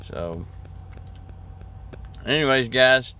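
A man's voice: medium pitch, expressive, extremely slow, sharp tone, clean tone. A man, chatting casually to camera from his parked truck cab, rambling and easygoing with lots of fillers and restarts. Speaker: trucker vlogger. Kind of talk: casual vlog chat to camera. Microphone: camera at arm's length.

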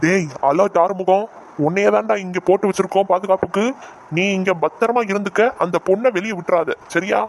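A man voicing a blustering male kidnapper boss in a cartoon, gruff and bossy. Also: sits high, steady tone. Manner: gruff, bossy, quick-talking. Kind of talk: cartoon voice acting. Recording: hissy background noise.

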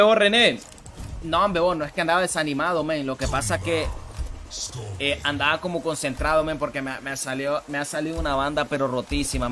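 Fairly high-pitched and bright, a young man's voice comes through as he streams a fighting game, greeting viewers and chatting in a slangy, repetitive way. Slight background noise runs under this casual live-stream talk.

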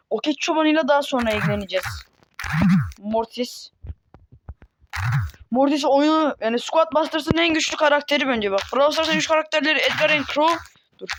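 Male, high-pitched voice, casual gameplay commentary, playful, exaggerated, teasing trash talk. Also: a bit bright, a little hiss or hum. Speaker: gaming video host.

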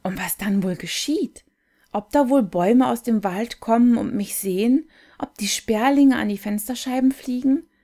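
A naive young fir tree who longs for splendor, speaking his thoughts in a soft, half-whispered hush, as a woman reader puts him on. The voice wonders and yearns. It belongs to a gently read fairy-tale storybook. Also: medium pitch, expressive, normal speed, natural voice. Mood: wondering.

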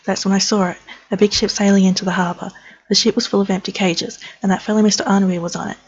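A worried, cautious father from a horse game, read out by a woman in her own voice, earnest and pressing. Middle pitch, with a slightly dull, lo-fi home recording. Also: flat delivery, fast talker, natural voice.

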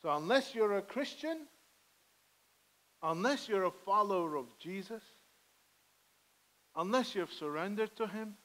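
Preaching in a medium-sized indoor sanctuary, this middle-aged Armenian-heritage pastor pleads earnestly through a headset mic. His high, slightly bright voice is animated but a little slow, with frequent pauses, and the recording quality is low.

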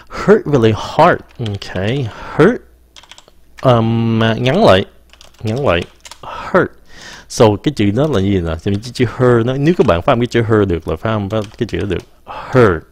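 A man with a fairly low-pitched voice hosts a casual pronunciation livestream for English, slowing down on individual words and mixing in English phrases.

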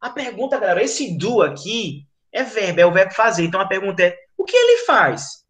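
A Brazilian man with a high, bright voice teaches an online English lesson. He talks in a chatty, explanatory way and keeps checking that the class is following. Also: sing-song, a little fast. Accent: Brazilian Portuguese, from Rio Grande do Norte.

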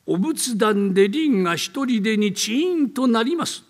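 A meek old landlord speaks in a lowered, deferential voice and spins eerie tales at a slow crawl, as an older man acts him out in comic storytelling. A raspy edge carries into the long reverb of a theater hall. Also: animated, full character voice. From Tokyo. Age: 70s. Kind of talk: rakugo storytelling.

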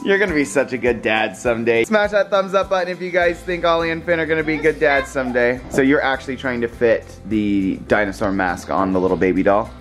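A man's voice: mid-range voice, brisk, hardly any pauses, fairly bright tone. A young man filming a casual family vlog at home, talking to the viewers and his kids with a playful manner and frequent laughs. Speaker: family vlogger. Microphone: handheld camera at arm's length. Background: background music.

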